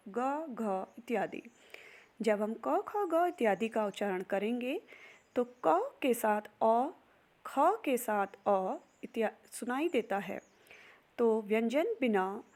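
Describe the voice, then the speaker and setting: A woman's voice: fairly high pitch, darkish tone. A young woman giving a recorded grammar lesson, spelling out sounds one by one. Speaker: teacher.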